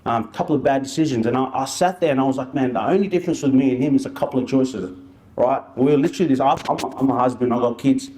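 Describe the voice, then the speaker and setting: A man presents in an informal, storytelling way. His voice sits at a medium pitch, and he talks in colloquial, slangy phrases like an outreach worker sharing experience from the job. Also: quick pace, darkish tone. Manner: colloquial and anecdotal, with slang and re-enacted dialogue.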